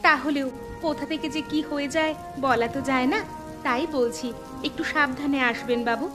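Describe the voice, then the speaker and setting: Lady doing a caring young village woman, cartoon style, high voice, earnest, music clearly playing behind. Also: steady tone, moderate pace, lightly acted. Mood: caring, polite. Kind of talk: cartoon voice acting.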